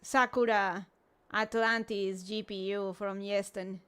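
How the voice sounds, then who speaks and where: A woman's voice: mid-range voice, little pitch movement, slow pace, fairly bright tone, clean tone. A woman hosting a casual livestream, chatting with viewers and reacting in a cute, playful anime-streamer manner. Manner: sprinkles Japanese greetings into talk. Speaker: livestream host.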